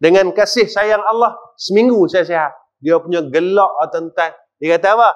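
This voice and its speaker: A middle-aged man with a northern Malaysian accent giving a mosque lecture, asking the audience questions and swinging between loud and quiet. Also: sits high, moderate pace. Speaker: religious teacher. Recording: dull lo-fi recording.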